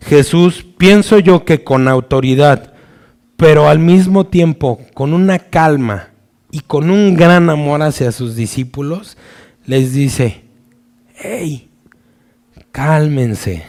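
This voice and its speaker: A man delivers a sermon in a somewhat high voice at a slow, deliberate pace. He hunts for his words with small restarts and keeps checking in with his listeners. When he quotes the story he shifts sharply in pitch and loudness. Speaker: preacher.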